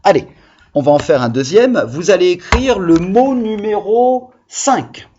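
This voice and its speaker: A man teaching young children in a recorded lesson, patient and encouraging, stretching out the key words slowly. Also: sits high, lively intonation, a little mellow, lo-fi sound, a little hiss or hum. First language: French. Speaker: primary school teacher.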